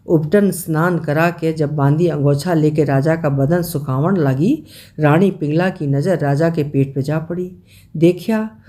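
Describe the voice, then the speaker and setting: An old Jat villager, put on by the reader of a storybook, spins a folk tale in a slow, earthy Haryanvi accent. His voice is mellow and unhurried, blunt and knowing in manner. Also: fairly high pitch, lightly acted. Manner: rustic dialect storytelling.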